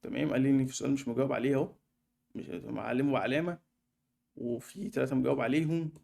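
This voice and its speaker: Fast-talking Egyptian man explaining software. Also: mid-range voice, fairly even intonation, vocal fry. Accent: Egyptian Arabic. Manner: fast, chatty explaining with many fillers. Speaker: online course tutor. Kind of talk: screen-recorded software tutorial.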